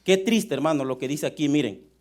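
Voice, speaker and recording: A man's voice: fairly high pitch, fairly quick, a little mellow. A young man preaching a sermon, often calling out to his listeners as brother. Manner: fervent, repeats "mano" and "hermano" as address. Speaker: pastor.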